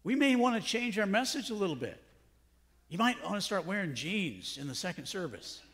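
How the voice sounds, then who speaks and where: A man's voice: sits high, very animated, moderate pace, fairly bright tone. A middle-aged male pastor preaching a sermon in a conversational way, full of rhetorical questions. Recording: long hall reverb.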